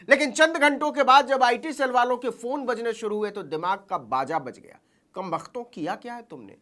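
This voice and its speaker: A woman with a slightly high, somewhat bright voice offers satirical political commentary as a news commentator, mocking and theatrical in her delivery.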